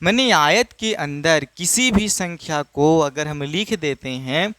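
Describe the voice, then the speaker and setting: In this dry recording, a man with a slightly high, animated voice teaches a maths lesson at a slow pace, his tone clean and a bit bright. He's repetitive and casual, often posing a question and answering it himself, and he calls his students children.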